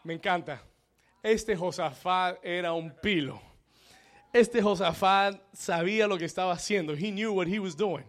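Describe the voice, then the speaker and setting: A man preaching a sermon, repeating his lines in English after Spanish and building into shouted declarations of prayer, calling on the congregation to respond. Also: sits high, unhurried.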